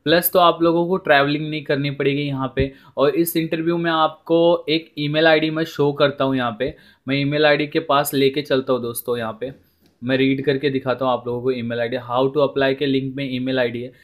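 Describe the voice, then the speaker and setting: Presenting a job information video, a man with an Indian accent speaks a little fast in a mid-range, level voice. His informal voice-over is repetitive, frequently addresses listeners as friends, and slips in English words.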